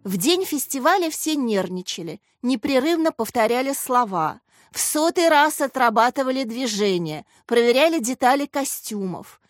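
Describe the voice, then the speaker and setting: A woman's voice: sits high, expressive, normal speed, dry recording, studio quality. A woman reading a story aloud, shifting her voice up for each character's lines. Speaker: audiobook narrator.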